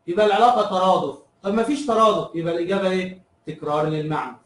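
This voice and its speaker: A man's voice: sits high, very fast, a bit bright, reverberant, far from the mic, low-quality recording. A man with an Egyptian Arabic accent teaching a review lesson, asking his students questions and answering them himself, repeating key terms.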